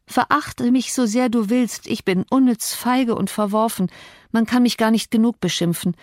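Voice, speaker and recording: A woman's voice: on the high side, normal speed, darkish tone, no room sound, clean studio sound, pitched above the performer's own voice, close to an everyday voice. A woman reading an audiobook, voicing a sickly, timid young man who pleads in a breathless murmur. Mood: pleading.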